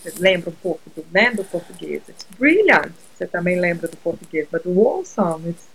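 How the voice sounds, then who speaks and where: A woman's voice: lowish voice, animated, fairly quick, vocal fry, fairly bright tone, slight background noise, poor audio. A middle-aged woman from Brazil, a guest in a casual interview, talking hesitantly with many restarts and mixing in English words.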